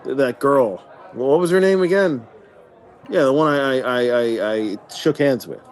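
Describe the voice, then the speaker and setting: A man's voice: medium pitch, animated, moderate pace. A man playing a tabletop game, jokey and stammering as he talks in character over faint music. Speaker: player.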